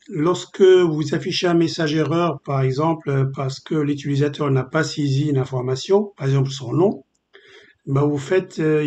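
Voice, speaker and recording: A man presenting a screen-recorded software tutorial, explaining step by step with frequent filler pauses. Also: fairly high pitch, lo-fi sound. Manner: hesitant, many filler pauses.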